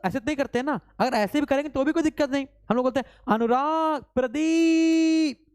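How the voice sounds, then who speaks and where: A man teaching a live online grammar class, constantly quizzing his students with quick repeated questions and urging them to answer fast. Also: very high-pitched, darkish tone. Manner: urges students to answer fast, mock-scolding; reads out student names from chat.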